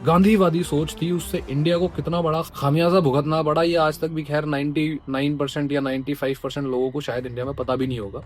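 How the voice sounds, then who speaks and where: A young man, telling a history story in casual, conversational talk and explaining it to the viewer. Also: fairly high pitch. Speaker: host.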